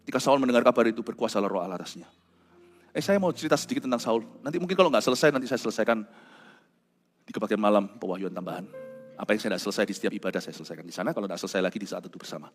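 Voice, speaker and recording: A male pastor preaching a dramatic sermon, swinging between hushed lines and shouts and mixing in English phrases. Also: fairly low pitch, expressive, very fast. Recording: reverberant hall with soft music behind.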